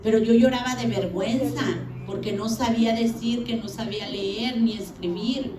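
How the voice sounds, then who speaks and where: A woman's voice: fairly high pitch, fairly even intonation, moderate pace, background noise. Woman telling her testimony in an echoey church. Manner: storytelling, acting out both sides of dialogues. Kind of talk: spoken testimony. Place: church hall. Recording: echoey church hall, faint ambience.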